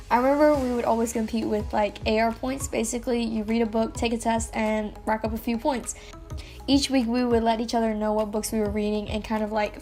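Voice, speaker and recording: A teenage girl from Louisiana, USA, tells her life story as a YouTuber, chatting away and saying "like" a lot. Her voice is fairly high and a little mellow, with music playing underneath.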